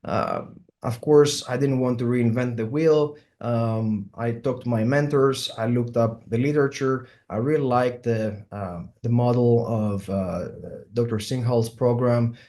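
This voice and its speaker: Speaking at an online symposium, this Greek-accented plastic surgeon from Greece, middle-aged and mellow-voiced in the mid range, keeps stopping to fill gaps with ums and uhs.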